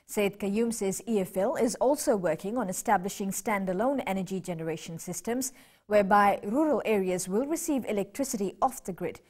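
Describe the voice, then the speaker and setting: A woman's voice: medium pitch, brisk, darkish tone. A young woman anchoring a scripted television news bulletin in a studio. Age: young adult.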